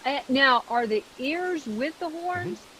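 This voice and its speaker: A middle-aged woman chatting casually, haltingly searching for her words. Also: sits high, animated, bright, forceful tone, a little hiss or hum, rough recording. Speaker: streamer's mother and guest. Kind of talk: casual chat.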